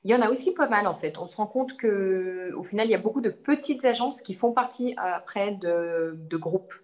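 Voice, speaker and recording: A woman's voice: medium pitch, normal speed, a little mellow. A young woman from the Savoie region of France, talking casually as an interview guest, hesitant and full of fillers and restarts. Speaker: interview guest, advertising creative.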